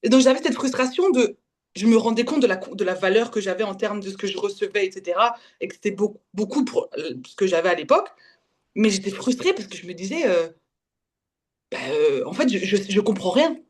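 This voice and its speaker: A Belgian woman in her twenties, a guest who guides women's spiritual development, shares a casual personal testimony in conversation. She's halting, often correcting herself and slipping in English words. Her medium-pitched voice is a little mellow, with lively intonation.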